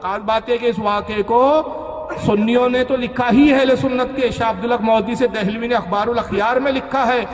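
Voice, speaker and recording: A man's voice: very high voice, steady tone. A man preaching a sermon to a gathering, emphatic, telling a story with rhetorical questions. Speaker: Islamic preacher. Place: large gathering hall. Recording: echoey hall with long reverb.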